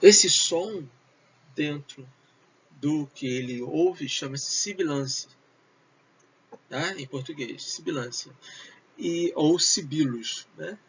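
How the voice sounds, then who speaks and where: A male teacher gives a recorded lesson, drawing his words out slowly with frequent fillers and restarts. His voice sits slightly high. The recording is dull and lo-fi, with a faint hiss behind it. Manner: slow, hesitant, many fillers, mixes Portuguese and English. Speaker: English teacher.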